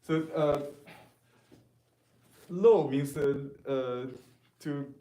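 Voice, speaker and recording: Slow, halting man teaching painting, roomy echo. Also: a little high, dark tone, recorded from a distance. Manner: halting, hesitant, searching for words. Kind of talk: informal live painting lesson. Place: classroom, indoors.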